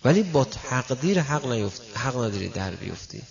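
A male preacher giving a sermon, telling stories and speaking directly to his listeners, with a gravelly voice. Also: medium pitch. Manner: storytelling, addresses listeners directly, animated quoting. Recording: dull lo-fi recording.

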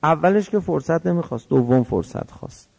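A man's voice: fairly high pitch, animated, gravelly, darkish tone, husky. A man preaching in the form of a story, telling it vividly and acting out the dialogue in changing voices. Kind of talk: religious storytelling sermon.

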